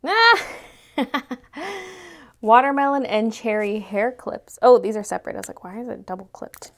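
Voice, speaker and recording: A young adult woman with a mid-range voice hosts an unboxing video at a brisk clip, chatting casually and gushing over cute things. She stays off camera during an indoor tabletop product shoot.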